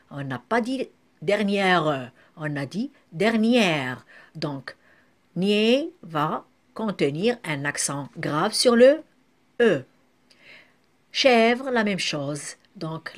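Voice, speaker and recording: A woman teaching French spelling in a slow classroom manner, breaking words into syllables and sometimes correcting herself. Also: fairly low pitch. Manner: spells out syllables one by one, with occasional self-corrections.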